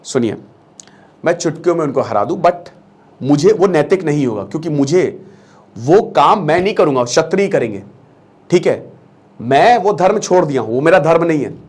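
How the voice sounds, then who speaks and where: A man voicing a powerful, proud old male sage in a retold scripture story, speaking low, quiet and firm. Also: lively intonation, normal speed, pauses often, breathy edge.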